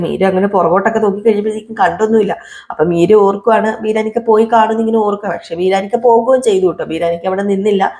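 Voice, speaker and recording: A woman's voice: medium pitch, mellow. A woman casually retelling a TV serial episode, chatty, with tag words and repeated phrases. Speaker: serial recap narrator.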